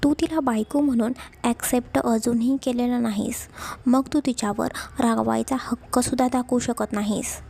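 Storybook: woman as an anxious middle-aged mother, pleading, gravelly. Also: fairly high pitch, steady tone, moderate pace, dark tone. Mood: scolding. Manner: pleading, scolding.

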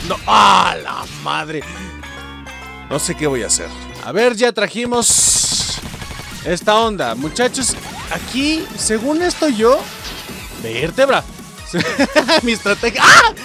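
Excitable Mexican gamer yelling at the screen. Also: male voice, high voice, takes it slowly, creaky. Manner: excitable, swears and yells at the game. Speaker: gameplay streamer. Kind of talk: let's play commentary. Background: game music.

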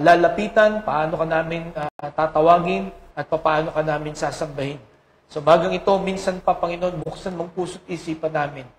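A male pastor preaching a sermon and praying, often breaking in with tag questions and hesitant fillers. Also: fairly high pitch. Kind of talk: sermon with prayer and scripture reading. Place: church sanctuary. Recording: roomy church sanctuary echo.

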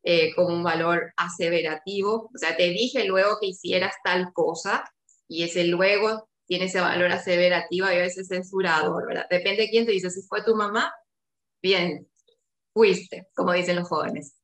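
A woman's voice: lowish voice, steady tone, normal speed, a bit bright, roomy sound. A woman with a Paraguayan Spanish accent giving an academic seminar talk, explaining with many tag questions and fillers over a video call. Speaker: linguistics researcher.

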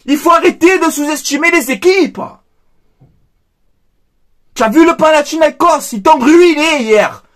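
Angry man, very high voice, emphatic football fan ranting to camera. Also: expressive, a little slow, pauses often, a bit bright. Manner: heated, emphatic, repeats phrases, addresses viewers as "les gars". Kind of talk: angry post-match debrief monologue.

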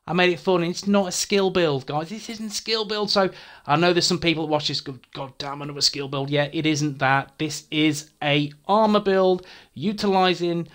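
Speaking at a normal speed, a young YouTuber breaks down the stats on his gear for a game build, full of enthusiasm and chatter. His slightly higher-than-average male voice gets tangled in his eagerness, with offhand swearing throughout.

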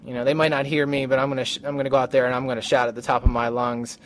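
A man's voice: medium pitch, level tone, racing, a little hiss or hum, close to an everyday voice. A man doing a fed-up little ant. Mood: defiant. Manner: shouting defiantly. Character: small annoyed male ant, fed up.

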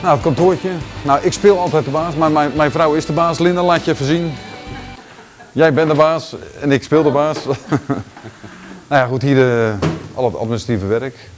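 A man in his forties with a Rotterdam Dutch accent, giving a relaxed walking tour of his large indoor gym, talking casually with lots of fillers and restarts. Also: a little high, normal speed, music in the background. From Netherlands. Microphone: handheld camera following him.

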